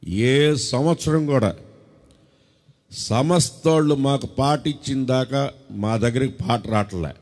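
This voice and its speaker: A man's voice: mid-range voice, slow pace, pauses often, long reverb tail. A man with a Telugu accent preaching a sermon, teasing and quizzing his congregation and leading them in call-and-response. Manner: lively, teasing, quizzes the crowd and breaks into song. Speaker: pastor.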